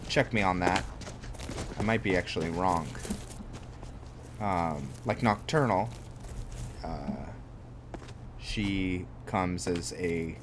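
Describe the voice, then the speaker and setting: This man's low-pitched voice comes through over a noisy background, including game music. As host of a roleplay series, he muses aloud about the gameplay in a casual, rambling way, often letting sentences trail off.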